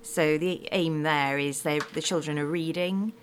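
A woman's voice: low voice, steady tone, unhurried, slight background noise. A middle-aged woman from Swansea with a Swansea Welsh accent, talking conversationally as an author being interviewed. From Swansea, Wales.

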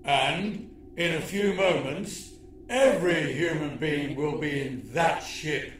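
A man's voice: a little high, slow, fairly bright tone, roomy sound, a little hiss or hum. A man voicing a gloating male alien villain leader in a storybook reading, speaking with a sneering, mocking manner. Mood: menacing.

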